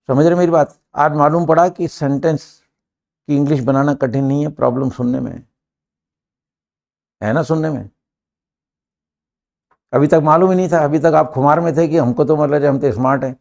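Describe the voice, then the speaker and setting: A middle-aged man teaching English to a live class, drilling students with brisk commands. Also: fairly high pitch, creaky, darkish tone.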